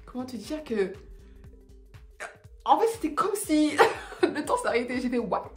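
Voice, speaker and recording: Lively young woman vlogger, echoey room. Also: high-pitched, a little slow. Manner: animated, slangy, laughs while telling mishaps. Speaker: travel vlogger. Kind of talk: casual storytelling to camera. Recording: echoey room, faint music.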